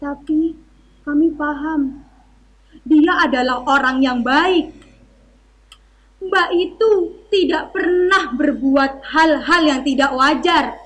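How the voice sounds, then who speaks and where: A woman's voice: high-pitched, slow pace, pauses often, a bit bright, low-quality recording. A woman acting a timid, deferential citizen in a theatre monologue, pleading meekly. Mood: earnest, pleading. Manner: meek stage acting.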